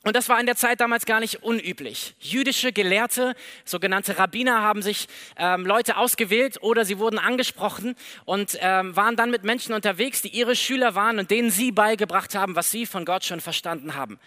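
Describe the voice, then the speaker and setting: A man preaching a sermon in a lively, conversational way, acting out the dialogue of the story as he tells it. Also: high-pitched, fairly quick. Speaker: pastor.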